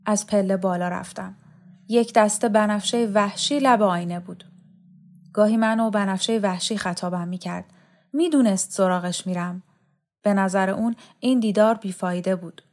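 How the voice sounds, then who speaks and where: A woman narrating a novel aloud as an audiobook reader, calm and measured. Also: medium pitch. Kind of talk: scripted literary narration.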